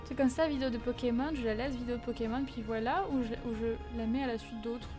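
A chatty young woman with a high, light voice talks quickly and casually to her stream audience, animatedly answering viewer messages and using lots of fillers. Faint music plays in the background.

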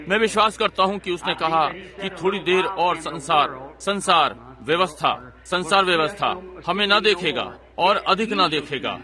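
A man preaching a sermon and praying, talking earnestly and repeating himself, often turning to the congregation with asides. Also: high voice. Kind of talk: Hindi sermon and prayer.

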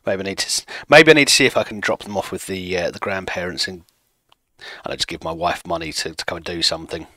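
Chatty low-voiced man in his thirties. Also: quick pace, bright, forceful tone, no room sound. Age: 30s. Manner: chatty, self-mocking, reads chat aloud. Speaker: streamer. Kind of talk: casual chat with stream viewers while playing. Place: home room at a desk.

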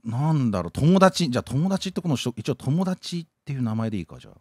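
Animated man from Hiroshima, livestream host. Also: medium pitch, fast, dry recording, clean studio sound. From Hiroshima, Japan. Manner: animated, jokey, swings from loud to muttering. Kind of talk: casual livestream chat.

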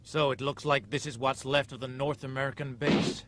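A man playing a steady, reassuring young spaceship crewman in an anime dub. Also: mid-range voice, moderate pace, lightly acted. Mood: serious, reassuring. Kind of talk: English anime dub acting.

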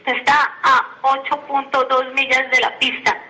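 A woman's voice: high voice, flat delivery, a little slow, sharp tone, low-quality recording. A woman giving formal, procedural instructions as an air traffic controller over aviation radio. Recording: radio transmission with faint noise.

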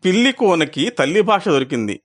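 A man narrates a children's moral tale with an expressive storyteller's delivery. He slows down for effect at key moments, and his voice sits a little high for a man.

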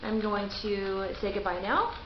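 A woman's voice: mid-range voice, unhurried. A middle-aged woman talking casually as host of a homemade vlog in a garage. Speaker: video host. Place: small garage, indoors. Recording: dull roomy garage sound with noise.

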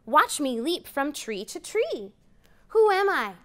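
Reading a picture book aloud to young children, a woman in her thirties speaks slowly and clearly in a high, swooping voice full of wide pitch leaps. Her animated storytime includes excited counting that rises as it goes. She's indoors in a library program room, recorded by a camera at mid distance.

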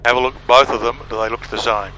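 A man's voice: medium pitch, steady tone, fast talker, pushed and bright, low-quality recording. A man giving direct, hands-on flight instruction in short explanatory phrases over a cockpit headset. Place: small aircraft cockpit. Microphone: aviation headset. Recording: aircraft headset intercom, faint engine noise.

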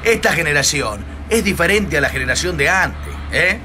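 A man in his forties, a pastor with an Argentine Spanish accent, chats on a casual phone livestream from a sun-baked outdoor terrace, holding the phone at arm's length. His slightly high voice is expressive and moderately paced, jokey and exclamatory, often ending lines with "eh", with music playing behind him.

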